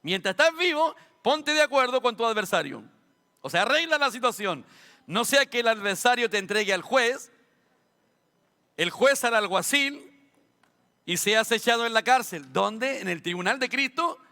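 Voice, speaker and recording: A man's voice: very high voice, animated, moderate pace, sharp tone. A Chilean man preaching a sermon as a pastor, asking rhetorical questions and dropping humorous asides. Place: church sanctuary. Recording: long church hall reverb.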